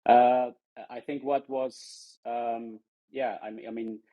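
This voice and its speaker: Taking it slowly in a flat, medium-pitched voice, an Afghan guest answers questions in a casual interview. He hesitates a lot, with many ums and restarts, and the social audio stream sounds muffled.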